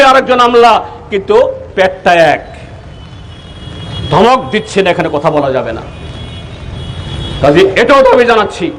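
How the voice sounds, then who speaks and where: A man, an opposition politician, gives an impassioned statement to the press outdoors near a police office, rising to high emphatic peaks. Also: slight background noise, low-quality recording.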